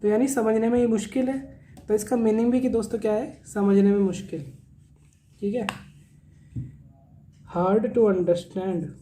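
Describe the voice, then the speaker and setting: A man teaching exam vocabulary, mixing Hindi explanations with English definitions and spelling words out slowly with many repetitions. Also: high-pitched, fairly even intonation, warm tone, slight background noise.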